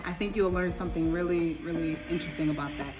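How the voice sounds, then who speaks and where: A woman chatting casually as an interviewer in a restaurant. She is animated, laughs often and turns to talk to her viewers. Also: fairly low pitch, fast. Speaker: interviewer, vlogger. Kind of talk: casual chat. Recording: clear background music.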